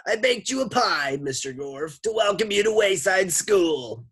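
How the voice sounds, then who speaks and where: A reader acts out an eager school lunch lady from a children's storybook, kindly but pushy. The voice is raised high and loud, with a husky edge and an insistent delivery. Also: animated, a little slow.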